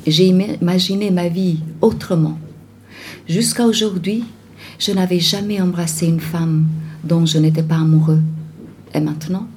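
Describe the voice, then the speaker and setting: A woman reading the part of a shy, earnest young man who speaks softly and haltingly. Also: fairly low pitch, fairly even intonation, slight background noise, natural voice.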